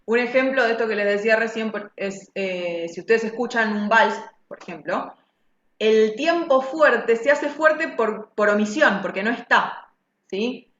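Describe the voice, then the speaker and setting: A woman's voice: a little high, expressive, unhurried, a bit bright. A woman teaching music, explaining patiently and checking the class follows. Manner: patient, explanatory, asks "¿sí?" often. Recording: echoey, dull lo-fi sound.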